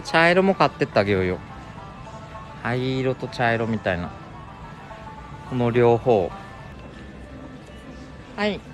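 A man live-streaming from a handheld phone while out shopping, chatting casually and grumbling in rough everyday speech. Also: mid-range voice. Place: shopping street and store, outdoors and indoors.

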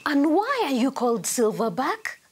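A woman's voice: high voice, very animated, moderate pace, slight background noise. A woman playing a curious, friendly hiker in a scripted children's educational sketch. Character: curious friendly female hiker questioning a gorilla.

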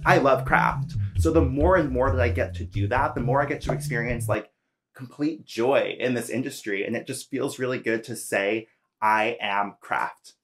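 A man's voice: medium pitch, normal speed, close to an everyday voice. An actor plays an earnest, self-absorbed young actor talking about his craft. His voice sits in a middle range. Music plays behind him. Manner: earnest, pompous.

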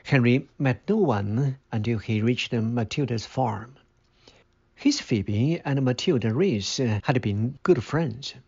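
A man narrating a story aloud in a measured, careful read-aloud style, on a dull lo-fi recording. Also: mid-range voice, darkish tone, slightly rough.

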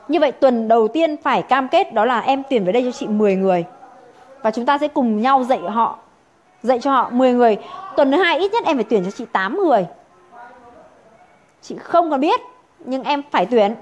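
A woman training sales consultants, emphatic and full of rhetorical questions. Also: sits high. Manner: emphatic, rhetorical questions, acts out quoted objections.

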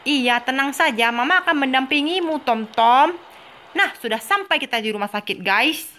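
Bright-voiced, chatty woman game host. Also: high voice, animated, moderate pace. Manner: chatty, keeps addressing her viewers. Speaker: gaming channel host. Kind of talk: playful let's-play narration for kids.

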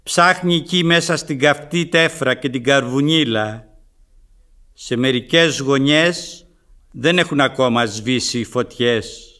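Bright-voiced man reciting poetry. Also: medium pitch. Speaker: poetry reader.

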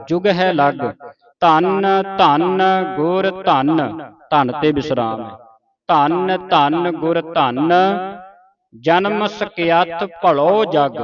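Slow, deliberate male recitation teacher. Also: on the high side, crowd noise. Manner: slow, syllable-by-syllable recitation with pronunciation corrections. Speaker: gurbani teacher. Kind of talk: santhya recitation lesson. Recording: dull audio with a group repeating. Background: a group of students repeating the words.

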